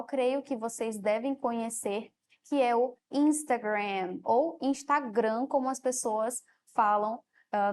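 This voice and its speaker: A woman with a Brazilian Portuguese accent, teaching a televised classroom lesson and explaining step by step, often closing phrases with a softer "ok?". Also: sits high. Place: studio.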